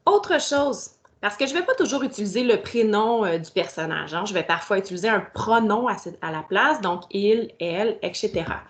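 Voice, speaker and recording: A woman's voice: medium pitch, lively intonation, normal speed, hardly any pauses. A woman teacher, explaining a grammar lesson step by step and speaking directly to the pupil. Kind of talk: recorded grammar lesson for children.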